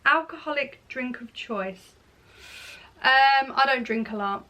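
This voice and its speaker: A woman's voice: sits high, slow pace, sharp tone. A woman of thirty chatting casually to camera in a Q&A vlog, rambling and correcting herself as she goes. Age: 30s. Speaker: beauty and lifestyle vlogger.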